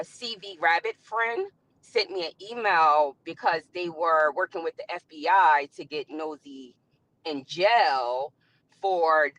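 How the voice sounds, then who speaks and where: A woman's voice: fairly low pitch, a bit bright, rough recording. A woman calling into a live stream by phone while driving, explaining her side in a rambling, casual way with many fillers. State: driving, speaking from a car.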